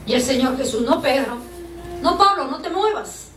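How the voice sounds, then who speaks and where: A woman's voice: sits high, expressive, moderate pace, fairly bright tone, faint music behind. A woman preacher giving an impassioned sermon, often calling out to her listeners as brothers. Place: church hall. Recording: echoey church from far off, faint ambience.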